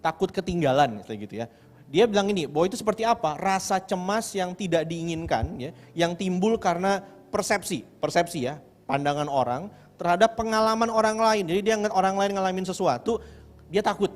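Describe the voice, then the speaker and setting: A man preaching a sermon as pastor, lively, acting out the voices of people he quotes and mixing English words into his talk. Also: high-pitched, fairly quick. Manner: animated, acts out quoted voices. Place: church hall. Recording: church hall with long reverb.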